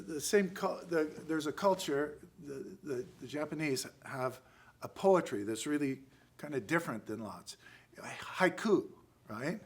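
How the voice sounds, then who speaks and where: An American man speaking as a karate instructor in a halting lecture, often pausing to check in with "right?". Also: on the high side. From United States. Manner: halting, with pauses and frequent "right?" check-ins. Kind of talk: spoken class lecture.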